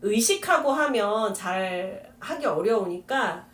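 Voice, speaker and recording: A woman teacher leading a relaxed book discussion and asking the group questions. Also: medium pitch, takes it slowly. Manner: reflective, asks the group questions. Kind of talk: casual discussion. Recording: echoey room, distant mic, faint background noise.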